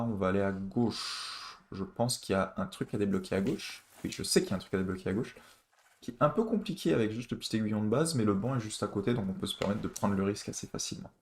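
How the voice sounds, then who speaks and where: A man's voice: on the low side, fairly quick. A man from France with a French accent, giving casual let's-play commentary while swearing and chatting. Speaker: streamer.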